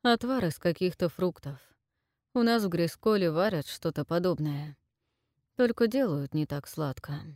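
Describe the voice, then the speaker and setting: A woman reading a novel aloud as a narrator, in a measured, deliberate way. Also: fairly low pitch, animated, a little mellow, no echo, studio quality. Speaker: audiobook narrator. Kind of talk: scripted narration.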